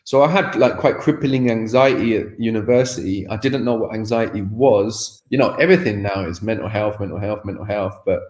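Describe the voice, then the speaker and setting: A language teacher appears as a podcast guest, speaking candidly and reflectively about his past, with many fillers and restarts. His voice is on the low side and darkish, brisk with few pauses, and the sound is roomy.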